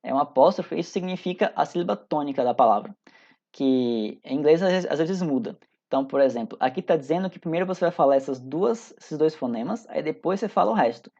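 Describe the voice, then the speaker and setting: This English teacher, in their thirties and speaking with a Brazilian Portuguese accent, has a warm, mid-range voice with lively intonation and a quick pace. The recorded class is casual and conversational, full of pauses and fresh starts, captured in dull lo-fi sound.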